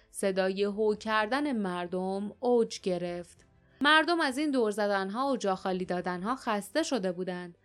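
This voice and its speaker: A woman narrating an adventure audiobook in a steady, expressive storytelling manner. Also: medium pitch. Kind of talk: scripted narration.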